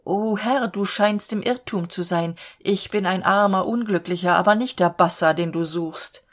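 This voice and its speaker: A woman's voice: medium pitch, moderate pace, close to an everyday voice. A woman reading the lines of a desperate young male captive who pleads through tears in a spoken fairy tale. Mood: pleading. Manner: pleading, tearful.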